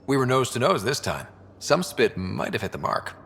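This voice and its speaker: A man voices an earnest young space explorer in a video game, speaking plainly, directly, and easygoingly with a friendly, casual mood. His medium-pitched voice is creaky and a bit bright, with big pitch swings at a moderate pace, plus a little hiss or hum.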